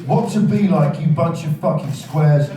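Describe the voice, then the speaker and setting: A man's voice: on the high side, moderate pace, dark tone. A man interviewing casually on stage in a rambling, matey, sweary way. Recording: very echoey, distant, crowd in venue.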